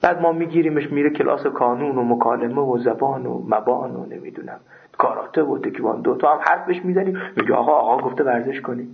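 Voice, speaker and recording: Gravelly, scolding male seminary teacher. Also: medium pitch. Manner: scolding, emphatic, raises voice. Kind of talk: classroom lesson on religious law. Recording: tinny phone-like recording.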